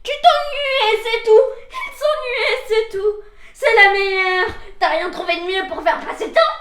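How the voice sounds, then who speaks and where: A woman playing an exasperated mother who swings between laughing and crying, with shrill, theatrical outbursts. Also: sing-song, fast talker, a bit bright, roomy sound, full character voice. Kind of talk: amateur theatre acting. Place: home room.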